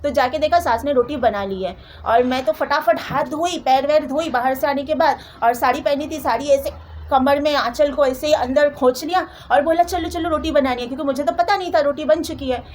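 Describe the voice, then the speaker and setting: A woman's voice: sits high, brisk, a little mellow, a little hiss or hum. A young woman vlogger telling a personal story with feeling, acting out the quoted lines of her family.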